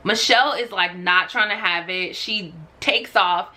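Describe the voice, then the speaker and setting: Bright-voiced tipsy American woman telling stories. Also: mid-range voice, a little slow. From Los Angeles, United States. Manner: tipsy, drinking while telling the story; slangy, sassy, emphatic delivery. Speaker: storytime vlogger. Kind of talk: animated casual storytelling.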